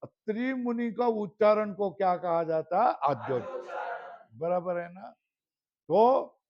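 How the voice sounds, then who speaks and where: A man's voice: high-pitched, lively intonation, slow pace, a crowd in the background. A man teaching a Sanskrit grammar class, quizzing his students and chanting the terms back in a drill. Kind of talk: classroom lesson with question and answer drills. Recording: slightly dull lo-fi recording.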